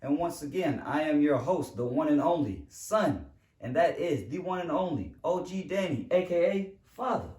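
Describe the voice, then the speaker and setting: A man's voice: a little high, normal speed. A young adult man hosting a podcast in a casual, joking way, often tagging lines with "man". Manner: animated, joking, leans on "man" and "what's up". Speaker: podcast host. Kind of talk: casual chat. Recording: roomy sound from a distant mic.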